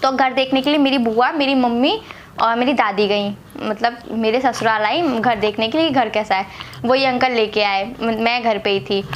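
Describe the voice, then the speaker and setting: A woman's voice: on the high side, moderate pace, slight background noise. A young woman from Agra, India, telling a personal story to camera in a chatty way, repeating herself and using many fillers. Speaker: vlogger telling her marriage story.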